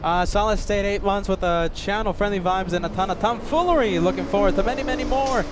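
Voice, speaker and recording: A man's voice: high voice, fairly quick. A man hosting a casual livestream, chatting and thanking viewers by name, often repeating himself. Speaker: livestream host. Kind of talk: casual live chat, reading out viewer comments. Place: outdoors by an airport. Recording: outdoors with clear traffic and vehicle noise.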